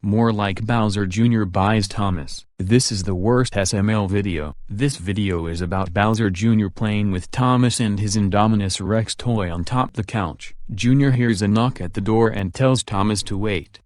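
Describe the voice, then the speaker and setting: A man's voice: lowish voice, normal speed, few pauses, a little mellow, dry recording, studio quality, natural voice. A young man using a put-on character voice to recap a fan video as a rant. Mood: annoyed. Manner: puts on a character voice he calls his rant voice. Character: ranting young male character voice. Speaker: video reviewer.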